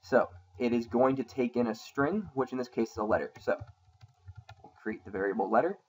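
Over a screen recording, a man narrates a coding tutorial from his computer, casual and unscripted, thinking aloud with frequent ums as he types. His middling-pitched voice is a bit rough from a sore throat, with an animated yet darkish tone.

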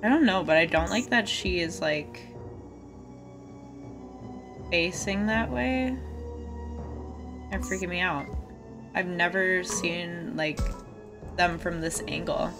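Over game music, a chatty woman streamer with a lowish voice reacts aloud, talks to her viewers, and reads game dialogue. She's recovering from a cold and coughs, speaking a little slowly with frequent pauses.

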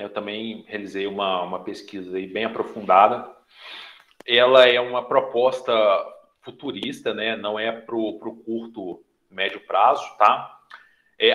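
A man's voice: on the low side, pushed and bright, reverberant. A young man with a Brazilian Portuguese accent, giving a lecture on a video call with earbuds, explaining and often adding tag questions. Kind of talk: online lecture to students.

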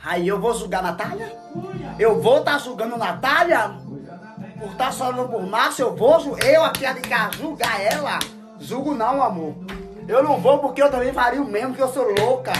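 A man's voice: very high voice, lively intonation, moderate pace, music in the background. A man in a casual phone story, talking straight to his viewers in a campy, dramatic, exclamatory way. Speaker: social media influencer.

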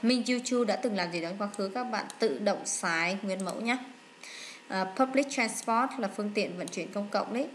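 A woman's voice: mid-range voice, normal speed, slight background noise. A woman English teacher going through exam answers step by step, reading English words aloud and explaining each choice, with frequent hesitant fillers and self-corrections. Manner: reads English words aloud then explains in short steps. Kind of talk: exam walkthrough lesson.

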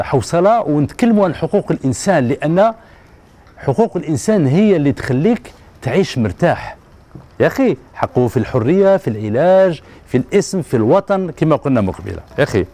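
A man's voice: on the high side, warm tone. A man in his thirties with an Algerian Arabic accent, hosting a children's TV show in a studio and coaxing the kids with questions. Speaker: children's TV host. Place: colorful TV studio set with children audience. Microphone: handheld mic.

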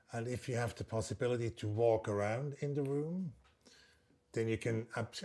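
This man in his sixties, a composer and percussionist from Basel, Switzerland, speaks with a slightly mellow, medium-pitched voice. A native German speaker with a Swiss German accent, he explains his work reflectively in brief phrases during an interview, seated indoors at a big wooden table under a glass roof.

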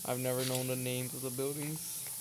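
Excitable man narrating gameplay, noisy mic. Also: mid-range voice, normal speed. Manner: excitable, swears casually, reacts aloud. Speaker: gameplay commentator. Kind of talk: casual game commentary. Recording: noisy home recording.

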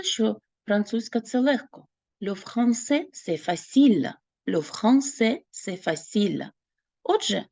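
A woman teaching a French class, her pitch rising and falling a lot. Her voice has a gravelly, creaky edge. She talks slowly and clearly, repeats words for her learners, and the sound is close and dry. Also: mellow, no room sound. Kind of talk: online language lesson.

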